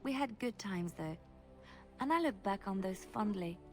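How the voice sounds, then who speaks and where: An actress playing a gentle, romantic young woman companion in a video game, speaking in a reflective, poetic way. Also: medium pitch, lively intonation, normal speed, soft background music, natural voice. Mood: wistful, reflective. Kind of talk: video game dialogue acting.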